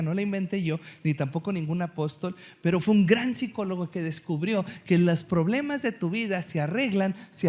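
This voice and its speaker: High-voiced joking Mexican preacher. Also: male voice. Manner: animated, joking storyteller. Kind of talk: sermon.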